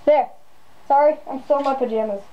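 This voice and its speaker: Kinda high-voiced girl talking muffled through her costume head, giggling a lot, bossing her brother around. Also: brisk, a little hiss or hum. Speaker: vlogger showing homemade costumes. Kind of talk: casual home video chat. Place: indoors at home. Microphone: camera set down nearby.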